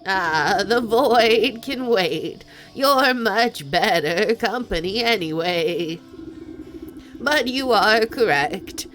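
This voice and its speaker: Goat spirit for a game: woman doing a loud, drawn-out goat voice, sly and grand, music underneath. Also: mid-range voice, lively intonation. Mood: grandly amused. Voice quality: put-on goat voice. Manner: slow, drawn-out, theatrical delivery. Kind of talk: video game dialogue read aloud.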